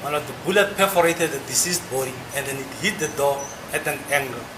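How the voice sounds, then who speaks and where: A man testifying as an expert witness under cross examination, explaining technical points in a formal, measured way. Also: a little high. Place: courtroom. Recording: echoey, noisy courtroom recording.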